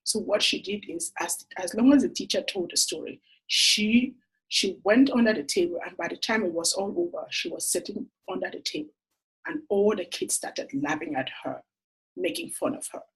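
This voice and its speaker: A woman's voice: medium pitch, sing-song, moderate pace, vocal fry, slightly rough, poor audio. A woman in her forties, telling personal stories in an earnest, heartfelt appeal to camera. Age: 40s. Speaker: entrepreneur making a funding appeal.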